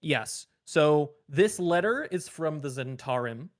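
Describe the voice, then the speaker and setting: Dude running a tabletop game, kinda high voice, rambly with lots of ums. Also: male voice, lively intonation, slow. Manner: rambling, hesitant, many fillers. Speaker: game master.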